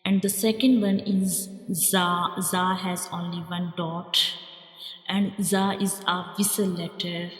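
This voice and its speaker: Lady teaching letter sounds really slowly, says everything twice, roomy echo w/ long reverb. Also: lowish voice, little pitch movement, soft background music. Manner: repeats each point, models letter sounds. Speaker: Quran teacher. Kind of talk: slow step-by-step pronunciation lesson.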